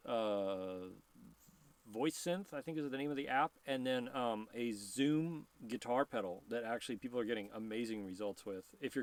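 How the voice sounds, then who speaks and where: A man's voice: medium pitch, no room sound. A man hosting a casual live stream, rambling, laughing often and reading viewer questions aloud.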